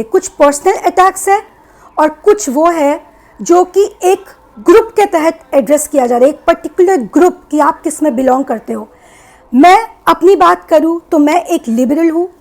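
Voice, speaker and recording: A young woman giving an earnest, measured opinion monologue as a vlogger, mixing English words into her talk. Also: high-pitched, darkish tone, rough recording.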